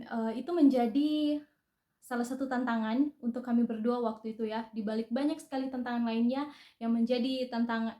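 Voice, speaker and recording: A woman's voice: fairly high pitch, mellow. Chatty Indonesian-speaking woman vlogger, echoey room. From North Sulawesi, Indonesia. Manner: chatty, friendly, with hesitant fillers. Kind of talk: casual personal vlog.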